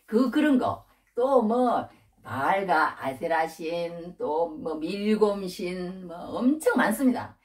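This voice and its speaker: Animated woman preaching in an echoey hall. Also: lowish voice, slow pace, recorded from a distance. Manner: lively preaching, acts out God's scolding in dialogue. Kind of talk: sermon. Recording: echoey room, voice from off the mic.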